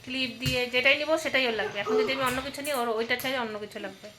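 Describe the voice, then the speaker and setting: A young woman chatting casually in a home vlog, sometimes speaking softly. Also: high-pitched, racing, heavy background noise. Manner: chatty, talks softly at times. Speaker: vlogger.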